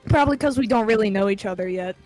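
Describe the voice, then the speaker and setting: A woman's voice: medium pitch, rapid-fire, loud music behind the voice. A woman playing in a tabletop game, chatting in an easygoing way and swearing freely over an online call. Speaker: player. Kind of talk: casual tabletop game chat.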